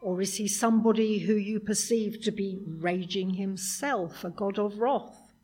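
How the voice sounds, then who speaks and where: A woman's voice: medium pitch, measured pace, a little mellow, husky. A woman preaching a sermon in a conversational way, full of rhetorical questions.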